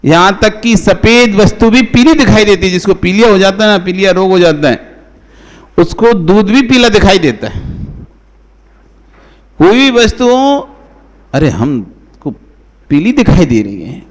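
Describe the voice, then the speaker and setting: A monk delivers a sermon in a high, light voice. He keeps it conversational, putting rhetorical questions to the listeners and calling on them by name. His voice rings out with a long reverb, as in a large hall. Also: a little slow, long pauses. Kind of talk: devotional sermon.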